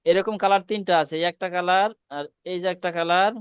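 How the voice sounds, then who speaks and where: A man with a high, smooth and resonant voice teaches Arabic letter sounds over a video call. He speaks patiently, repeating each sound slowly so students can echo it. The sound is dry and close. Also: steady tone, highs cut off. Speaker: Quran teacher. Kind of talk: online class, pronunciation drill.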